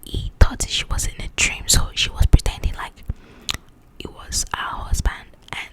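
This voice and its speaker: A woman whispers ASMR-style at normal speed in a breathy, unvoiced whisper. As host of an ASMR book channel, she chats confidingly about book highlights, making sure the listener is following along.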